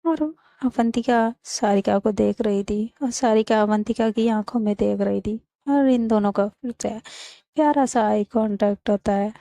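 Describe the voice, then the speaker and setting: A woman hosting her own channel, retelling a romantic story in a chatty, animated way. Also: medium pitch, measured pace, gravelly, no room sound.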